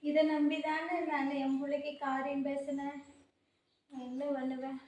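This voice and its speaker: A woman's voice: high-pitched, little pitch movement, moderate pace, darkish tone, reverberant, a little hiss or hum, lightly acted. A woman playing a poor mother who has lost her savings, pleading and lamenting in a home-made family skit.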